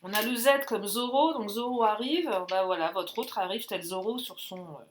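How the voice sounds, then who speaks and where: A woman's voice: mid-range voice, moderate pace, a little hiss or hum. A woman doing a casual card reading, chatty and jokey, thinking aloud with many fillers. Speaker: tarot and oracle card reader.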